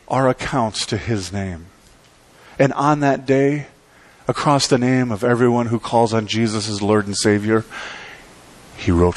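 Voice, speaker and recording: Middle-aged male pastor, animated pulpit preaching with dramatic pauses, church sanctuary. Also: medium pitch, no room sound. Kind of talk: sermon.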